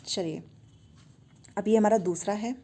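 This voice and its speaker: Mellow-voiced woman teaching a grammar class. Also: medium pitch, a little slow, husky. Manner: explains step by step, asks and answers own questions; has students repeat sounds aloud. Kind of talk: online exam-prep lesson.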